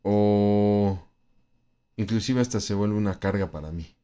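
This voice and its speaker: A man's voice: lowish voice, a little slow, mellow, clean tone. A man teaching a Bible study lesson in a conversational way, with frequent tag questions and restarts. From Mexico.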